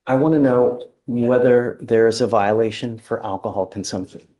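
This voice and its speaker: A man's voice: medium pitch, normal speed, warm tone, muffled recording. A man presiding as judge in a courtroom recording, asking blunt, direct questions.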